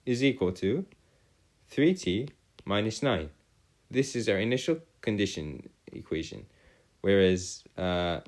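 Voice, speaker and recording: A math tutor with a fairly deep, slightly mellow voice works aloud through calculus problems in a video lesson. His intonation swings widely from phrase to phrase. He uses formal, elaborate sentences and frequently pauses to correct himself.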